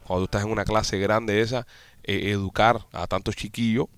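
Fast-talking, low-voiced male podcast host. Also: fairly even intonation, smooth. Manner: rapid, loose and profane, with many restarts. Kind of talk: casual chat. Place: Miami area.

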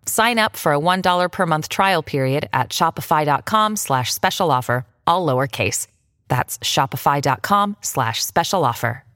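A woman's voice: sits low, expressive, normal speed, a bit bright, no room sound. A woman reading a scripted advertisement in a playful, conversational way, close to the mic.

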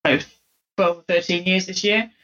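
Bright-voiced architect from South London. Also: medium pitch, steady tone, moderate pace, lo-fi sound. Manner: conversational, hesitant with fillers. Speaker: guest architect. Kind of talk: casual chat.

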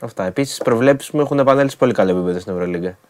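A man co-hosting a sports radio show, chatting casually and teasing his partner. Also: mid-range voice. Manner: laid-back, teasing, laughs often.

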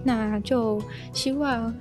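Higher-voiced woman reading news stories. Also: fairly even intonation, takes it slowly, over music. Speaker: podcast host. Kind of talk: scripted news-roundup narration.

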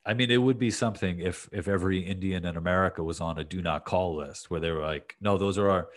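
A man's voice: low-pitched, fairly even intonation, quick pace. A man hosting a podcast interview, chatting casually in a loose, rambling way with many restarts. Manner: loose, rambling, full of restarts and "you know". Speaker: podcast host.

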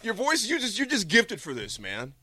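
Animated, bright-voiced male radio host. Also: high-pitched, normal speed. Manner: animated, jokey storyteller who laughs a lot. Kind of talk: lively radio talk. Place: radio studio.

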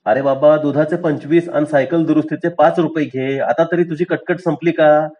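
A man's voice: high-pitched, fairly quick, highs cut off, pitched above the performer's own voice, lightly acted. A man voicing an impatient, irritated middle-class man trying to settle a roadside dispute. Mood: exasperated. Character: exasperated middle-class scooter rider, adult man.

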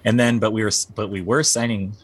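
A man in his forties, a band singer appearing as guest musician, chats casually in an interview at a quick pace. His voice is on the low side, steady in tone and slightly rough, and he rambles, restarting sentences often with plenty of fillers.

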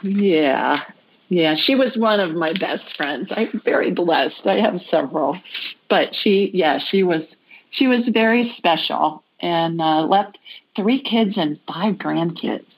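A woman hosting a podcast, chatty and upbeat, taking callers and making quick jokes. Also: fairly low pitch, lively intonation, slightly rough, poor audio. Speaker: podcast host. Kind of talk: casual chat.

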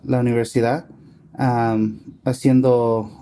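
A man answering interview questions in a relaxed conversation, hesitant with many fillers, slipping words into his Spanish. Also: mid-range voice, slow pace, clean tone. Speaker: interview guest, scientist and tech consultant.

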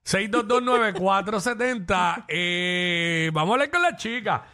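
Puerto rican radio guy, high bright voice, playful teasing banter with callers. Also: expressive, unhurried. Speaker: radio host. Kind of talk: casual call-in radio banter.

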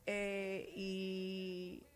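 A woman's voice: mid-range voice, extremely slow. A woman tells her story as a radio guest. She slips into the voices of the people she quotes. The studio has a long reverb tail behind her. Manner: animated storyteller, acts out quoted dialogue. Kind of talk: casual radio interview storytelling.

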